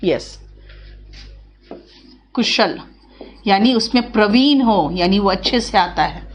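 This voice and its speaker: A woman's voice: medium pitch, expressive, takes it slowly, a little hiss or hum. A middle-aged woman, teaching vocabulary in an online class and coaxing her students step by step. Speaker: English teacher.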